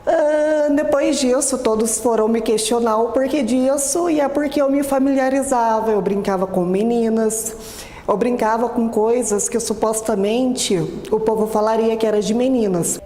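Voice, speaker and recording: Woman, 20s, Brazilian accent, personal testimony, slightly high, boomy room. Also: fairly even intonation, normal speed, warm tone. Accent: Brazilian Portuguese. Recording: echoey room with long reverb.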